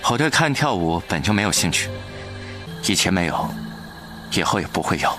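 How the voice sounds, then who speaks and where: An actor voicing a cold, aloof young prince who speaks in curt, clipped lines in an animated drama. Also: male voice, deep voice, normal speed, music in the background.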